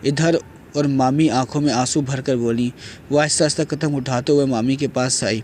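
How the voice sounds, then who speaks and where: A man narrating an audio novel in a steady storytelling manner. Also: mid-range voice, a little hiss or hum. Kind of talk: reading a novel aloud.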